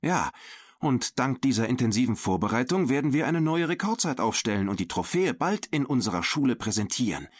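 A man's voice: mid-range voice, big pitch swings, brisk, slightly rough, pitched above the performer's own voice. A man voicing a confident, eager teenage schoolboy sailor in an audiobook, only slightly lifting his own voice. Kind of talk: audiobook character voice.

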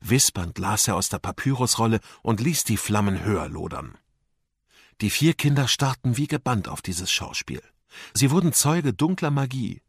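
A man narrating a children's audiobook in an expressive storytelling manner. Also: mid-range voice, husky, no echo, clean studio sound.

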